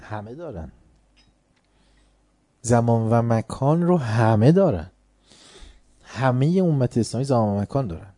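A man with a very dark, mellow voice at a medium pitch delivers a religious lecture in everyday colloquial language. He teaches by putting rhetorical questions to his listeners and answering them himself. The sound is dry, with little room echo. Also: expressive, long pauses.

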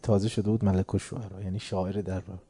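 A man's voice: deep voice, flat delivery, warm tone, husky. A man giving a religious lecture, telling an anecdote in a conversational way and chuckling at his own story.

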